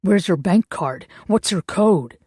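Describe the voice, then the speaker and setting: A woman's voice: medium pitch, animated, slow pace, mellow, slightly rough, dry recording, studio quality. A woman voicing a snarling drunk ex-husband. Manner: snarling, crude, demanding. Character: desperate abusive drunk male ex-husband.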